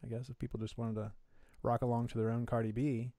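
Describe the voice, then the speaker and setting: Casual male co-host, mid-pitched and hesitant, audio in the left channel only. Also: level tone, quick pace, mellow. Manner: hesitant, with many fillers and restarts. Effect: audio heard in the left channel only. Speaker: co-host of a tech live stream. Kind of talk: casual chat. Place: home office.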